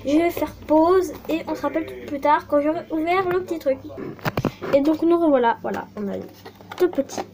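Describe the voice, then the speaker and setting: Background noise accompanies a young woman's high voice as she talks fairly quickly while unboxing toys at her desk at home. A vlogger in casual chat mode, she sounds hesitant, using lots of fillers and apologies.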